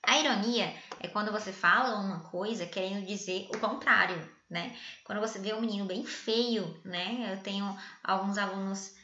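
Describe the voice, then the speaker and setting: Woman teacher, bright voice, chatty and playful, echoey lo-fi room. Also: mid-range voice, moderate pace, a little hiss or hum. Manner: chatty, playful, checks in with "tá?" often. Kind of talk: grammar lesson. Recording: echoey room, dull lo-fi sound.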